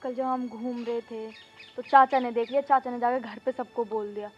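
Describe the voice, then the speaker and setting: A woman's voice: fairly high pitch, fairly even intonation, moderate pace, lo-fi sound, faint music behind, close to an everyday voice. A woman as a fretful young village girlfriend. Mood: worried. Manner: anxious, pleading. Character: anxious young village woman in secret romance.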